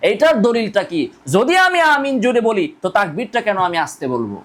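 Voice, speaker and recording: A man's voice: high-pitched, big pitch swings, fast talker, a bit bright. A man giving a religious lecture, reciting Arabic hadith lines and then translating them, pressing his listeners with rhetorical questions. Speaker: mufti and Islamic preacher. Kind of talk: religious lecture on prayer rulings.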